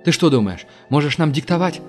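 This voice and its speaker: A male reader voicing a gruff, irritable man who speaks curtly, in an audiobook. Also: fairly high pitch, animated, brisk, a little mellow, soft background music, voice pushed up, natural voice.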